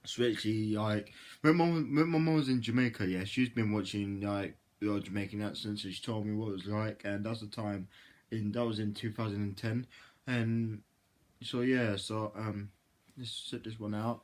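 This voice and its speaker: A man hosting a casual reaction video, rambling with repeated filler phrases, swearing freely and breaking into sudden loud outbursts. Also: on the low side, fairly even intonation, moderate pace.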